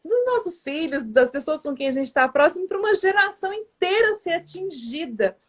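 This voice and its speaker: A woman's voice: extremely high pitch, very animated, normal speed. A woman, hosting a live stream in a chatty way with many fillers and restarts. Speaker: live stream host, educator. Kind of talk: casual live stream chat.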